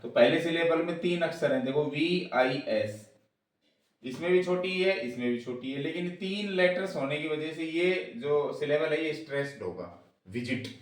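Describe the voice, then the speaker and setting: A man teaching English grammar in Hindi, spelling out letters and sounds slowly and repeating each rule in two languages. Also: fairly high pitch. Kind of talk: slow explanatory lesson, mixing Hindi and English. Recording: very echoey room, voice far from the mic.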